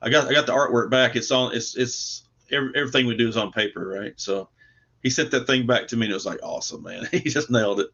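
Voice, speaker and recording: A man with a mid-range voice talks fast, his tone pushed and bright. He's an earnest, plainspoken interview guest chatting casually about his comic book project over a video call. The audio is dull and lo-fi, typical of a video call.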